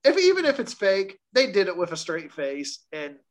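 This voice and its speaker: A man co-hosting a podcast, excitedly telling a story in casual chat and laughing often. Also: high-pitched, normal speed. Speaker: podcast co-host.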